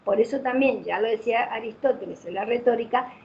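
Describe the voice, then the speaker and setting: A middle-aged woman with a Rioplatense Spanish accent giving an online lecture on public speaking, leaning on pitch changes for emphasis. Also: brisk, creaky. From Argentina. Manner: didactic, varies pitch widely for emphasis. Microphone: video call. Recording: muffled video call audio.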